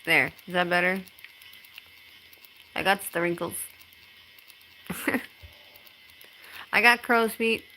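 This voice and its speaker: Streaming live from home on her phone, a woman in her thirties chats casually with viewers and reads their comments aloud. Her bright, clear voice sits on the low side, and her easygoing talk halts with ums and restarts. The low-quality recording has slight background noise.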